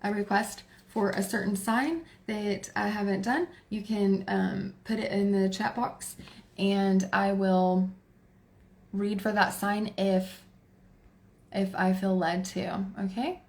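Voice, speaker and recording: A Texan woman in her forties hosts a live tarot stream and chats loosely with the people watching. She laughs easily, talks to herself and keeps stopping to answer the chat. Her voice sits at an ordinary middle pitch. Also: fairly even intonation, takes it slowly, darkish tone. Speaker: tarot reader livestream host. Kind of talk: casual livestream chat.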